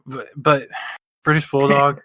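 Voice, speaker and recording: A man co-hosting a casual podcast, ranting in an animated and exasperated way, with some swearing. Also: mid-range voice, a little slow, dry recording. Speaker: podcast co-host.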